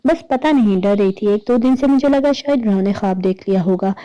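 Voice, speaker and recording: A woman's voice: medium pitch, mellow, highs cut off, lightly acted. Woman playing a nervous timid man. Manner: anxious and hurried. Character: nervous timid male neighbour.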